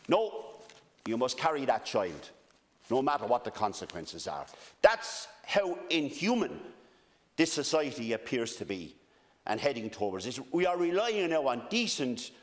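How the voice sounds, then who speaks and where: Irish man, impassioned political speech, earnest, emphatic pauses, slightly high voice, very varied intonation. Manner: earnest, emphatic, pausing for weight. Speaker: parliamentary deputy.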